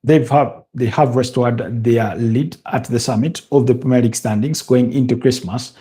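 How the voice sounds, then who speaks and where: A man from Africa hosting a football watch-along, giving live match updates and casual news in a deliberate, hesitant way with repeated phrases. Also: mid-range voice, fairly even intonation, mellow.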